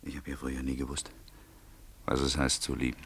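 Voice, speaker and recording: A man playing a nervous, cautious young lover in a radio drama, often speaking in hushed whispers. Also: extremely low pitch, completely flat delivery, brisk, slight background noise. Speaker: actor in a radio play. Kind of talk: German radio drama acting.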